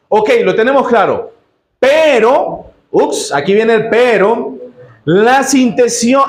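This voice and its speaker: A man's voice: high-pitched, echoey room, slight background noise. A man with a Nicaraguan accent preaching a sermon in church, emphatic and exclamatory, firing rhetorical questions at the congregation. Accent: Nicaraguan Spanish. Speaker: pastor.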